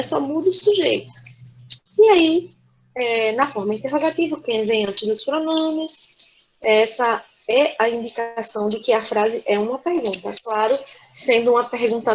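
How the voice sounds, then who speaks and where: A woman teacher with a Brazilian Portuguese accent gives a remote class over a video call, explaining patiently and ending her sentences with "né?". Her voice is fairly high, and the recording quality is low.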